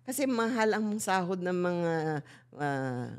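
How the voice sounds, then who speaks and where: Animated Filipino woman host telling stories. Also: takes it slowly. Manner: animated storyteller, laughs often, jumps to high quoted voices. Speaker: talk show host. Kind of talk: casual chat mixing Tagalog and English.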